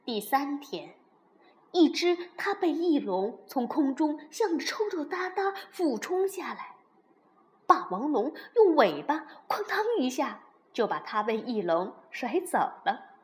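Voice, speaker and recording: A woman reading a children's story aloud in an expressive, animated way. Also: high voice, slow.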